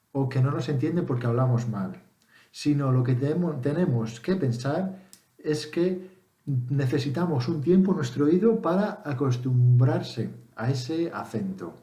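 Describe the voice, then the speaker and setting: A man's voice: mid-range voice, mellow, roomy sound. A man from Spain giving a casual spoken lesson as an English teacher, thinking aloud with frequent fillers and restarts.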